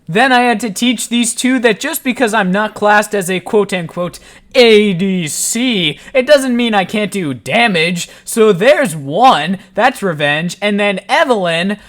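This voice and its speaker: High-voiced joking gameplay commentator. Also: male voice, unhurried. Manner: playful, self-mocking, deadpan jokes. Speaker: gaming channel host.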